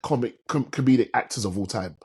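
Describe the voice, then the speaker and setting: A man's voice: medium pitch, fairly quick, darkish tone, husky. A man with a London roadman accent chatting casually as a podcast host, emphatic and full of slang and swearing.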